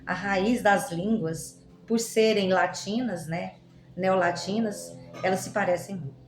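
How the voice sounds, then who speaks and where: A woman's voice: medium pitch, a little slow, soft background music. A woman talks casually, like a teacher, about words and their roots. She keeps asking rhetorical questions and throws in playful examples. Her voice sits in a middle range and carries a roomy echo. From Goiás, Brazil. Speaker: Portuguese teacher, guest. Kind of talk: casual explanatory chat. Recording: roomy echoey room.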